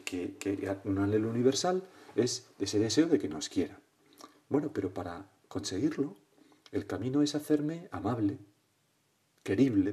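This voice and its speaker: A male priest leads a guided prayer meditation, speaking in a lowish, mellow voice. He talks reflectively and conversationally, often tagging his thoughts with a gentle question.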